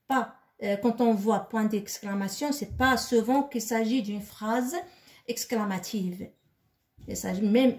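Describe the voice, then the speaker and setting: A woman's voice: mid-range voice, a little mellow, echoey room. A woman teaching a lesson to young children, asking questions and answering them herself. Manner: slow and repetitive, asks questions then answers them.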